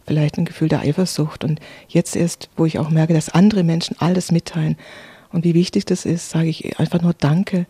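A speaker giving a calm, earnest personal spiritual testimony in an interview, often pausing and repeating words while searching for them. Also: mid-range voice, slightly rough, dry recording. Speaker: interviewee sharing spiritual experiences.

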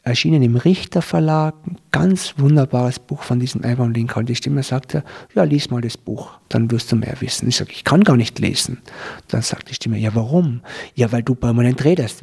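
Husky man telling a personal story. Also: mid-range voice, a little mellow. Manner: earnest, reflective, slows down at tense moments.

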